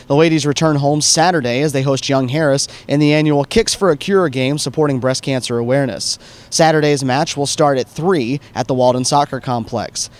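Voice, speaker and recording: A man hosting a college sports show, reading scripted sports news and asking interview questions in a brisk, upbeat announcer manner. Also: medium pitch, a little mellow.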